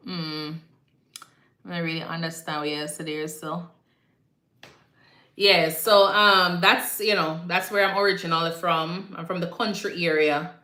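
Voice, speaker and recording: Jamaican woman, nurse-host type, low-pitched but bright and forceful delivery, chatty with bits of patois. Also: fairly even intonation, measured pace, pauses often. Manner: chatty, repeats herself, slips into patois phrasing. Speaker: nurse hosting a live Q&A. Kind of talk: casual live-stream chat answering viewer comments. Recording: echoey room.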